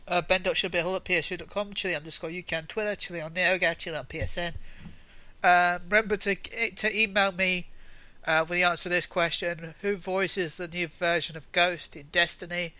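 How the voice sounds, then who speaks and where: Male podcast co-host, high-pitched and strikingly bright, reading out details informally. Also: fairly even intonation, a little fast, dry recording, poor audio. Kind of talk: casual sign-off with contact details.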